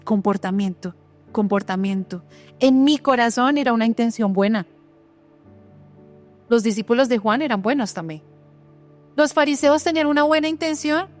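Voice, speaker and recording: A woman delivers a sermon in a fairly high voice, sharing her own story with earnest feeling. She turns often to her listeners with direct rhetorical questions. Soft music plays faintly underneath. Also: moderate pace, pauses often. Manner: earnest personal testimony with rhetorical questions to the audience. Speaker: preacher.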